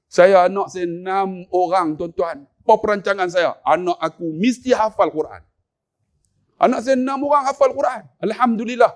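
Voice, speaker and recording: A middle-aged male preacher with a northern Malaysian accent, whose voice sits high for a man. He delivers a lively, humorous religious lecture and keeps throwing tag questions back at the crowd. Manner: quizzes the audience with tag questions; humorous storytelling.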